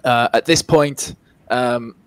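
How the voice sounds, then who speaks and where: Halting man narrating as game master. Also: mid-range voice, clean tone, no room sound. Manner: halting, improvising as he goes. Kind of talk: improvised tabletop game narration.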